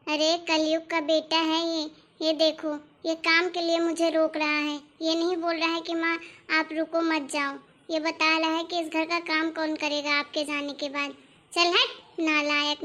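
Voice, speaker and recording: Lady doing a high squeaky cartoon mother-in-law, fed up and griping about her family. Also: pushed and bright. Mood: indignant. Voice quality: complaining, dramatic sighs. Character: nagging middle-aged mother-in-law, fed up. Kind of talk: cartoon voice acting.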